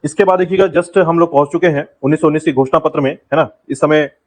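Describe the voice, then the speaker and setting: A man's voice: on the high side, fast, rough recording. A man teaching an exam-prep lecture, drilling key points and repeatedly telling students to remember them. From India.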